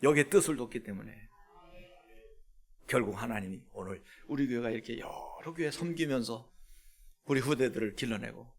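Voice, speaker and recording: A male pastor preaching a sermon to his congregation in a church, swinging between hushed lines and loud ones and asking the people questions. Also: medium pitch, moderate pace, pauses often. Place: church sanctuary.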